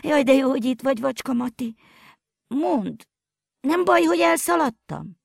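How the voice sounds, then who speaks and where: Woman voicing a wide-eyed little girl, high bright voice, lively, gravelly edge, storybook reading. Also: dry recording, clean studio sound. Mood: eager. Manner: eager, breathless storytelling. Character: frightened breathless little girl.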